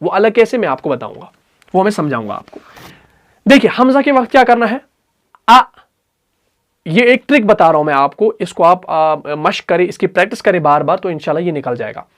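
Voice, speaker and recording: A man with an Urdu accent teaching Quran recitation rules, patiently repeating letters and sounds slowly. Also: high voice, very animated. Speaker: tajweed teacher.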